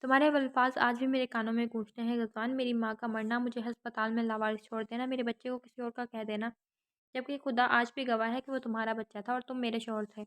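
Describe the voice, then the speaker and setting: A woman's voice: on the high side, flat delivery, close to an everyday voice. Brief: stern young wife, read by a woman, cold and hurt, audiobook novel.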